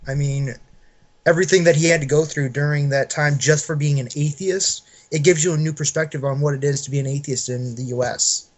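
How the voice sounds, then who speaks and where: A male panelist speaks in a voice pitched a little higher than average. He talks casually and without a script, as part of a group discussion. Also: fairly quick.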